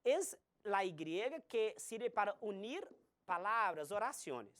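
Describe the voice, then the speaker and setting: A woman teaches Spanish grammar in a recorded online class. She talks slowly and deliberately, spelling out letters and examples one at a time. Her pitch swings widely as she stresses each point. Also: animated.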